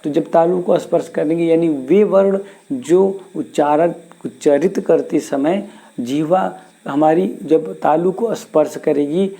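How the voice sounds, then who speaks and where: A man teaching Hindi grammar in a slow classroom lesson, repeating sounds and asking questions back to his students. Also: a little high, creaky, mellow.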